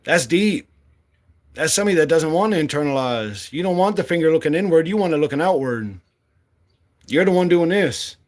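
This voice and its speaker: A political candidate in his late forties delivers a blunt, fiery monologue, swearing freely. His voice runs high and animated, at a slightly fast pace.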